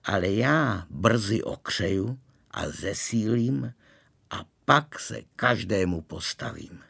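Gravelly, animated male storyteller. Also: fairly low pitch. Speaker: narrator. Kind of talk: storybook reading.

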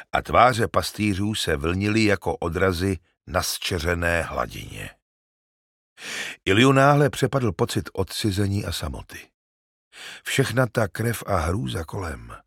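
Gravelly male audiobook narrator. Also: sits low, fairly bright tone, no echo, studio quality.

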